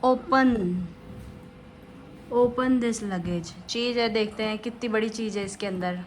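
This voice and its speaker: Young Indian mum vlogger, Pahari accent, unhurried chatty delivery, scolds and coos at her toddler, phone mic at home. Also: a little high, noisy background. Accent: Pahari Hindi. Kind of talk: casual home vlog.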